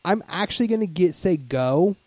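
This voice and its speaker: A man co-hosting a casual movie review podcast, animated and crude-humored, often searching for words. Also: high voice, moderate pace, dry recording. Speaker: podcast co-host.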